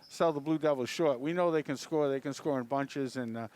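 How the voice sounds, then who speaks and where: A man with a New England accent provides color commentary at a high school basketball game, rambling and filling gaps with "uh". His delivery is brisk and his tone darkish.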